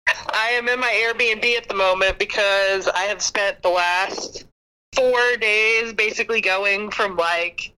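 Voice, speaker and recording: A woman's voice: medium pitch, takes it slowly, sharp tone, smooth. A woman co-host chatting casually over a speakerphone call from a rented apartment, with many "like" fillers. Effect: heard over speakerphone. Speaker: podcast co-host. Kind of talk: casual chat. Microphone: mobile phone on speaker. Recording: phone call heard from a speaker.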